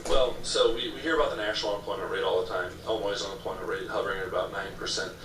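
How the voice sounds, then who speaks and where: Fast-talking male political candidate, echoey recording. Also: sits low, steady tone. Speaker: political candidate being interviewed. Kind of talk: political interview answers. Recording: echoey room, distant mic, noisy background.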